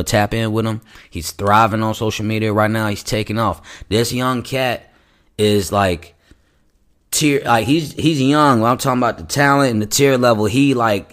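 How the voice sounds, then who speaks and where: Male podcast host, casual, rambling, slangy, restarts a lot, lowish voice. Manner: rambling, slangy, full of restarts and shout-outs.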